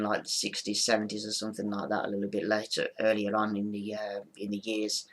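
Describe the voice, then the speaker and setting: A man's voice: fairly low pitch, fairly bright tone. A man giving an informal hands-on explanation in a rambling, matter-of-fact way, often repeating himself. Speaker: ventriloquist presenting his figure.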